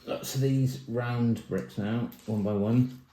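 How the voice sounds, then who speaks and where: A man's voice: mid-range voice, fairly even intonation, slow, warm tone, a little hiss or hum. A man hosting a building video, chatting casually, counting pieces aloud and muttering to himself as he works. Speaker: host building vintage toy sets. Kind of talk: casual chat while building. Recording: echoey room.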